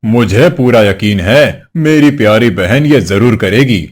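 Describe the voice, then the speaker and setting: A man's voice: medium pitch, lively intonation, measured pace. A man voicing a polite young brother visiting as a guest in a storybook tale, speaking in a hesitant way.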